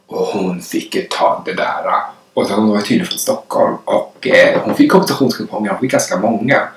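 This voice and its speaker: Young man, casual storytelling while eating, rambling, slightly low voice, echoey room. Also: a little hiss or hum. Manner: chatty, rambling, with many restarts. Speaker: vlogger. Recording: echoey room, mic some distance away.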